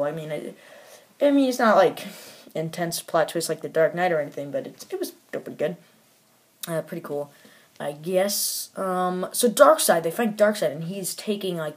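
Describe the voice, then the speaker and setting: A man casually reviewing a toy set, rambling with lots of fillers and restarts and making offhand, mildly critical remarks. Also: a little high.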